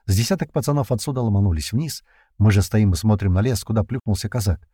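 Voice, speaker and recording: A man narrating an adventure audiobook in the first person, in a steady storytelling manner. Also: fairly low pitch, fast talker, slightly rough, no echo, studio quality.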